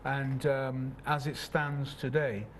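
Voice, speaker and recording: A man's voice: mid-range voice, level tone, takes it slowly. A man speaking as a guest in a policy discussion, recorded in an echoey room with some ambient noise. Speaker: panel guest.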